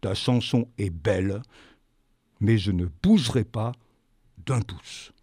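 A man voicing a hundred-year-old talking penis that is stubborn and gruff, in a comic sketch. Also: lowish voice, takes it slowly, mellow, dry recording, clean studio sound. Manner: gruff, sulky, obstinate.

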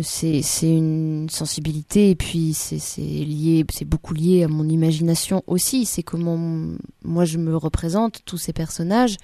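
A woman's voice: sits low, mellow, dry recording. A woman, an actress, answering questions in a radio interview, hesitant and full of restarts. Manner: hesitant, many restarts and fillers. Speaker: actress, guest.

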